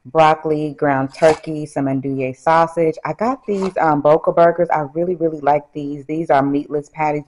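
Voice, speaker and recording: Speaking with a low, darkish voice, this thirties-aged vlogger chats with her audience as if they're girlfriends, addressing them as "girl." Some of it is filmed in a parked car on a phone camera she holds at arm's length.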